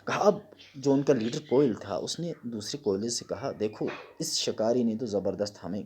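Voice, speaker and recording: A man's voice: medium pitch, a little mellow, a little hiss or hum. Man teaching a children's reading lesson. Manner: reads English slowly word by word, then explains in Urdu with many "hai na" tags.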